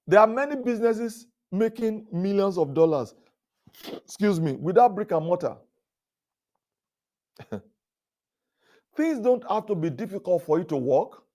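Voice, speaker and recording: Animated man preaching on leadership. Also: unhurried, long pauses. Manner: animated, pitch climbs high when making a point; chuckles between points. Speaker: conference speaker on leadership. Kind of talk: sermon-style leadership talk. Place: conference hall.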